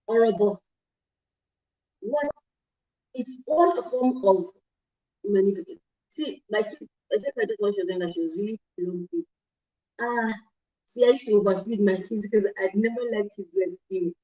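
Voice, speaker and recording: A middle-aged woman hosting a talk show, animated, with many asides and self-corrections. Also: mid-range voice, highs cut off. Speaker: host.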